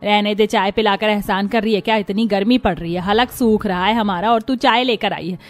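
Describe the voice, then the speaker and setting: A woman's voice: medium pitch, fairly even intonation, fairly quick, lightly acted. A woman voicing a harsh scolding mother-in-law. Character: cruel shrill mother-in-law, middle-aged, scolding. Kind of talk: cartoon voice acting. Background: faint music.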